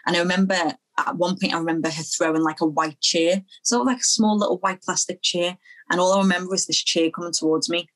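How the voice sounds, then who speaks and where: Young woman from liverpool, earnest, halting, repeats herself, lowish voice, interview guest. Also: fairly even intonation, fairly bright tone, rough recording. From Liverpool, England. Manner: earnest, halting, repeats phrases as she recalls. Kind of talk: personal testimony in an interview.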